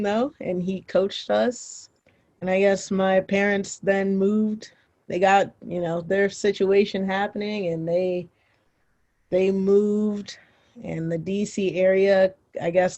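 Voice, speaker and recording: A woman's voice: medium pitch, a little mellow, muffled recording. A young woman, a former college footballer, casually telling her story as a podcast guest, with many fillers and restarts.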